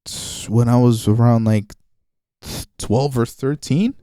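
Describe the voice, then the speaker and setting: Animated young man telling a story. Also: medium pitch, slow, no room sound, studio quality. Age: 20s. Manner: animated storyteller, acts out quotes in other voices, laughs often, swears. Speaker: podcast co-host. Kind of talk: casual chat.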